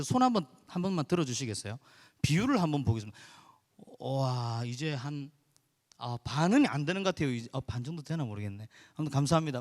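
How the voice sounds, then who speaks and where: A male pastor, telling a personal story in an earnest sermon to his congregation in a church sanctuary. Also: on the high side. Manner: earnest, animated storytelling, addresses the congregation directly. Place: church sanctuary during a midweek service. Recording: reverberant church hall.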